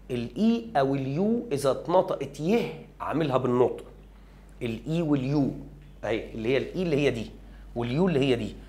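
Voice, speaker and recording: Egyptian guy explaining english grammar to students, chatty, keeps asking and answering himself. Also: mid-range voice. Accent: Egyptian Arabic. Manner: lively, talks straight to students, asks and answers himself. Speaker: English teacher. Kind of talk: grammar lesson for school students.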